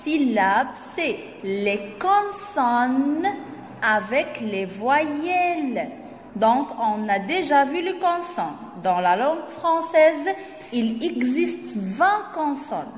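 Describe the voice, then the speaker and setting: Slow, high-voiced Moroccan woman teaching reading. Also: very animated, roomy sound, big-room sound, a little hiss or hum. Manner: slow, clearly spelled-out teaching voice, switching into Moroccan Arabic. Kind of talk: slow beginner reading lesson.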